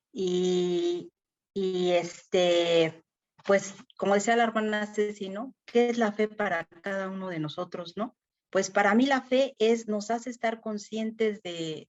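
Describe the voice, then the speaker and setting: A middle-aged woman shares a personal faith testimony in a Bible study class, speaking earnestly and emotionally with lots of fillers. Her voice is medium in pitch, and the recording has its high frequencies cut off.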